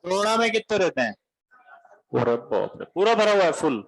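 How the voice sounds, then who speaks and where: A man's voice: high-pitched, very animated, brisk, no room sound, poor audio. A man teaching a coaching class, teasing his students in a chatty lecture.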